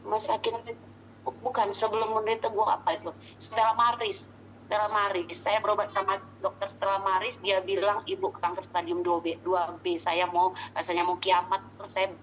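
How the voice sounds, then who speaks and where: Woman, testimonial speaker; halting, restarts often, dull faint-hum recording. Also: mid-range voice, steady tone, fairly bright tone. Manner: halting, searching for words, many restarts. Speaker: customer giving a product testimonial. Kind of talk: casual spoken testimony.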